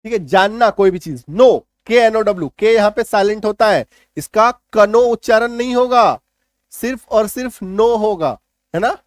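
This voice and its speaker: A man, an English teacher patiently explaining vocabulary in a lesson and often checking if it is clear. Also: high-pitched, normal speed, no echo, studio quality.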